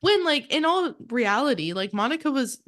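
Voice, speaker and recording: A woman's voice: high-pitched, big pitch swings, normal speed, a bit bright. A young woman co-hosting a podcast in casual chat, full of "like" and "um" fillers and frequent laughs. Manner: chatty, many "like" and "um" fillers, laughs often. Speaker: podcast co-host.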